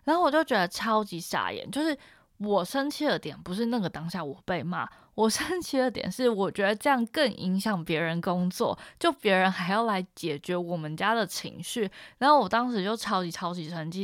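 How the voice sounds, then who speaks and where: A young woman with a Taiwanese Mandarin accent, hosting a podcast and frankly telling a personal story in a casual, animated monologue. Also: medium pitch, a little fast, no room sound, clean studio sound. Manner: frank, animated retelling with emphatic repetition. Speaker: podcast host.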